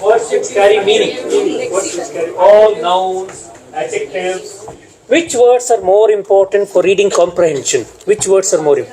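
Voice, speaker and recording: A man's voice: high-pitched, dark tone, poor audio. A man with an Indian English accent training teachers in a classroom lecture, repeating key terms and quizzing the room.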